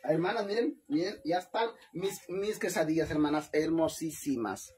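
A man's voice: a little high, moderate pace, darkish tone. A man with a Mexican accent chatting casually while he cooks on camera, playful and campy, and he laughs often. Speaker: vlogger cooking on camera. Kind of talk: casual live cooking chat.

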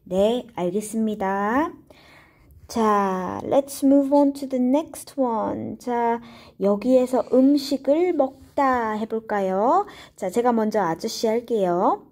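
A woman runs a Korean lesson, explaining each point in English and reading the dialogue lines slowly and deliberately. Her voice is mellow and fairly high, with an unhurried, patient pace. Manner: plays both roles in short dialogue drills. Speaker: Korean language teacher. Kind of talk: slow bilingual lesson with repeat-after-me drills.

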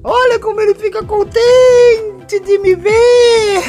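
A squeaky, weepy little toy doll. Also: male voice, fairly even intonation, slow, a little mellow, faint music behind. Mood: giddy delighted. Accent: Brazilian Portuguese. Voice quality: high squeaky cartoonish voice. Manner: whiny, tearful pleading with frequent giggles. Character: squeaky little male toy doll, needy and eager for friends. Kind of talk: comic voice-over for a home video.

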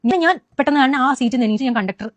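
A woman's voice: sits high, no echo. A young woman, animatedly retelling what happened to her in an eyewitness account. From Kerala, India. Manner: rapid, animated retelling with many restarts. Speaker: eyewitness recounting an incident. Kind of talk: first-person account.

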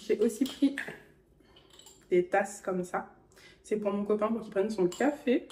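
A woman's voice: medium pitch, measured pace, noisy background. A young woman vlogging in a casual chat, talking straight to the viewer. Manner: chatty, talks straight to the viewer. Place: at home.

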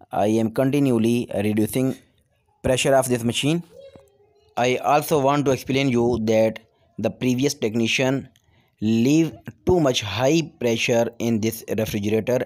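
A man's voice: mid-range voice, a little mellow. Pakistani-accented man giving repair instructions. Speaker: technical tutorial host.

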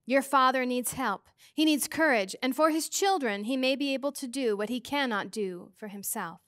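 A woman voicing a wise, kindly ancient female star being who speaks gently and patiently. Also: sits high, moderate pace, dry recording, clean studio sound. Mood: gentle.

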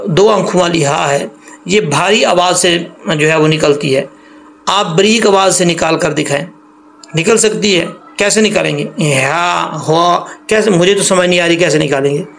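A man with a gravelly, slightly raised voice teaches an online recitation lesson. He explains patiently, repeats each rule and slowly stretches out syllables to demonstrate. A faint hiss of background noise sits under the recording. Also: sits high, a bit bright.

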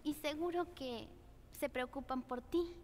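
A woman voicing a gentle, anxious young woman in a cartoon, speaking hesitantly and caringly. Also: high-pitched, measured pace, long reverb tail, background noise. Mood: gently reassuring. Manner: hesitant, soft-hearted.

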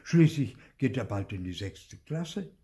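A man's voice: medium pitch, very animated, unhurried, mellow, pitched above the performer's own voice. An older man voicing a playful father who teases his son with mock regret. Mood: teasing.

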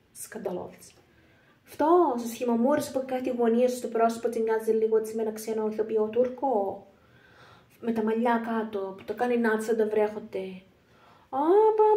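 A woman's voice: fairly high pitch, warm tone. A woman doing a comedy phone-call monologue, gossiping and fussing, then making threats. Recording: echoey room.

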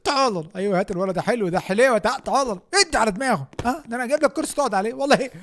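A young man with an Egyptian Arabic accent giving excited gameplay commentary as a gaming YouTuber, often shouting and laughing. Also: very high voice, racing, a little hiss or hum.

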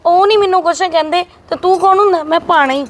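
A woman playing a feisty married elder sister who scolds her younger brother, speaking in a family short film. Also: quick pace. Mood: defiant. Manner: scolding, defiant, high-pitched.

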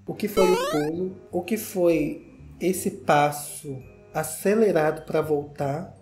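A man's voice: a little high, slow pace, darkish tone, reverberant, faint music behind. A man with a Brazilian Portuguese accent giving campy, theatrical comedic commentary on fashion runway walks, breaking into shrieks and exclamations. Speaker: YouTuber host.

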